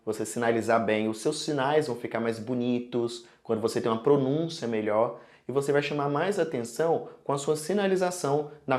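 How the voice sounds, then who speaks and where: A Brazilian-accented man teaching sign language in an online tutorial. His delivery is animated and explanatory, and he keeps checking in with the viewer as he walks through examples. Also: mid-range voice. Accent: Brazilian Portuguese.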